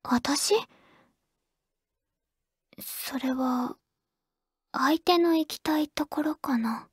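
Very slowly and softly, a woman plays a bashful teenage girl calling her childhood-friend crush for an anime audio drama. Her high, breathy, whispery voice stammers hesitantly and intimately, sounding tender and coy. It's clean studio audio without echo.

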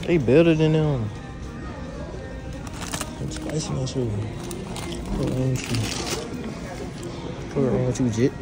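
A young man in his twenties vlogging while shopping in a supermarket, teasing and swearing, with sudden loud bursts. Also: mid-range voice, slow, pauses often, loud music behind the voice. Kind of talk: casual vlog banter. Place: large supermarket, indoors. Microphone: handheld camera.

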